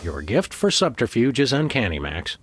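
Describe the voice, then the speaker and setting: A cartoon game dog detective with a mid-pitched, very varied delivery. He is earnest and drily wry, with music underneath. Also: wildly swooping pitch, moderate pace, husky, dry recording. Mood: deadpan. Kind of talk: comic cartoon game acting.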